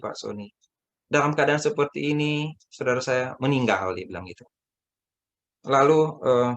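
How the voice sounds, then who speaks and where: A man's voice: medium pitch, fairly bright tone. A man preaching a Sunday sermon over a video call, retelling a scripture story in casual talk and acting out its voices. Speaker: pastor.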